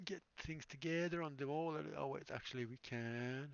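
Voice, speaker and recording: A man with a fairly high voice chats casually at a moderate pace on a livestream as he builds props in his workshop, rambling and musing with plenty of fillers. The stream audio is dull, lo-fi and dry, with slight background noise.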